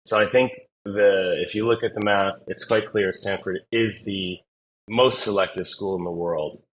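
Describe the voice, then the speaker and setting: A man with a fairly low voice tells stories as an admissions consultant. He talks in a loose, conversational way, full of "uh"s, repeats and quick restarts. His pitch climbs as the anecdotes get livelier. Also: a little hiss or hum. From Singapore. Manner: animated storyteller with many fillers and restarts. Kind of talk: casual interview storytelling.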